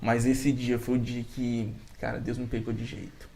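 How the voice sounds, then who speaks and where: A man's voice: mid-range voice, level tone, normal speed, creaky, warm tone. A man, a podcast guest telling his faith testimony in an earnest, emotional, casual way. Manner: earnest and emotional, with frequent "cara" and restarts.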